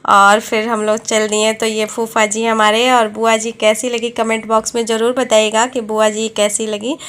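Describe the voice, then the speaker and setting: A chatty woman in her thirties tells her family vlog straight to her viewers. Her voice sits a little high, easy and conversational throughout. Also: a bit bright, clear, resonant tone. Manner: chatty, addresses viewers as guys. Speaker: vlogger. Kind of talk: casual family vlog narration.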